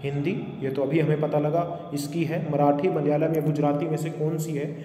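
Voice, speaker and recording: A male teacher for online exam coaching conducts a quiz lesson at a moderate pace, his fairly high, warm voice showing little pitch movement. He repeats questions for teaching purposes and code-switches into English, the sound echoing in a reverberant room with faint noise.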